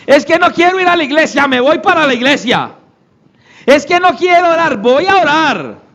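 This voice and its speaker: A tired, reluctant churchgoer whines and pleads for strength, as a man pastor puts him on. The voice rides even higher than the speaker's already very high preaching pitch. It sounds drawn-out and sorry for itself. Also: gravelly, muffled recording, heavily acted. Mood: pleading. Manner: whiny, pleading.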